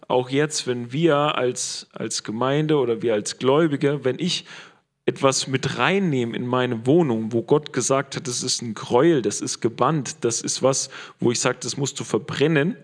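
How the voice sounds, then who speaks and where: A man preaching a sermon in a casual, conversational way, often checking in with his listeners. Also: medium pitch. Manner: casual, conversational, frequent "ja?" tag questions.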